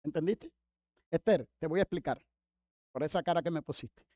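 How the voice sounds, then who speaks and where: Lively high-voiced male pastor preaching. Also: moderate pace, no echo. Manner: lively, talks to congregation by name, acts out quotes. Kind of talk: sermon. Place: church.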